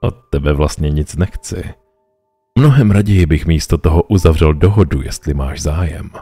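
A man playing a smug male stranger in a horror story who bargains for sins, speaking in a slow, oily and almost bored way. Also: extremely low pitch, mellow, breathy edge, faint music behind, exaggerated voice.

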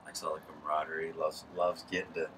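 A man in his thirties, a high school baseball coach, talking casually in a postgame interview from a press box, with many restarts. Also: flat delivery, quick pace, fairly bright tone. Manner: casual, rambling with restarts and laughs. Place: press box above a lit ballfield at night. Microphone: headset mic. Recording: distant mic with background noise.

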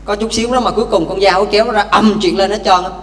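Buddhist monk, high voice, echoey temple hall, faint hum. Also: male voice, quick pace. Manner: lively, addresses audience directly. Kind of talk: dharma talk with storytelling.

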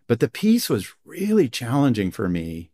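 A man's voice: medium pitch, wildly swooping pitch, normal speed, a little mellow. A man, a psychologist guest on a podcast, explaining research enthusiastically in a conversational way. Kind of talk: conversational interview.

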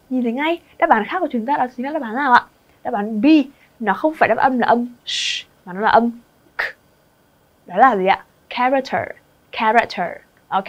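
A woman from Vietnam teaching an online English exam review, who asks the class questions and repeats each word for her students. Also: fairly high pitch.

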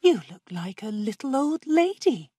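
A weary grown son in a storybook, read by a woman. He speaks quietly and in a subdued way, slowly, with a breathy voice. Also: high-pitched, very animated, dry recording, clean studio sound, voice pushed up, exaggerated voice.

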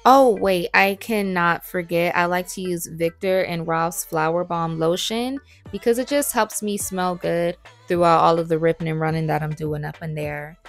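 Chatty young woman, lowish voice. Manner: chatty, playful and self-joking. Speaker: beauty and fitness vlogger. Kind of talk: get-ready-with-me voice-over.

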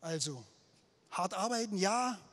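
A middle-aged man from Berlin telling a lively, self-mocking story about his career on stage, speaking into a handheld microphone. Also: high-pitched, unhurried. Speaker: speaker at a failure-story night. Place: indoor event stage before an audience. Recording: long hall reverb of an event space.

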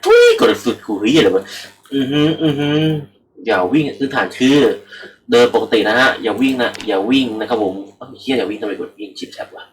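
A man's voice: fairly low pitch, fast, poor audio. A young man giving rambling, casual let's-play commentary into a computer microphone, swearing freely and talking to his viewers. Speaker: gaming channel host.

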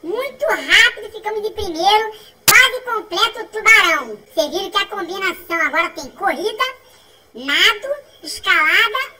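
This gaming channel host, a Brazilian woman with a Brazilian Portuguese accent, narrates a mobile racing game while playing. Her voice is very high and sharply bright, coming in fast, repeated bursts full of laughter and shouting. She sounds slightly far from the mic, and her excitable, chatty style keeps circling back to the same phrases.

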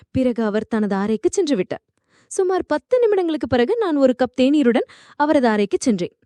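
A woman's voice: high-pitched, warm tone, no echo. A woman narrating a first-person story in a dramatic, emotive reading style.

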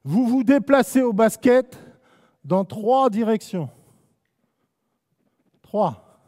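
A man's voice: high-pitched, lively intonation, drawn-out words, darkish tone. A man with a French accent running a live basketball coaching clinic, calling out short commands and teasing players. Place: indoor basketball gym. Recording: long echo of a gym hall.

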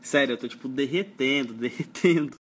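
A man's voice: mid-range voice, a little fast, a little hiss or hum. A young man, a singer on tour, talking in a casual vlog to the camera in a playful, teasing, slangy way.

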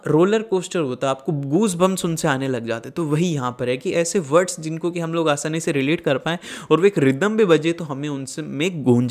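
Man, teacher, exam prep lesson, slightly high pitch, talks to students directly, slow read-aloud passages. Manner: explains in Hindi with English terms, reads answers aloud slowly; addresses students directly, asks for comments.

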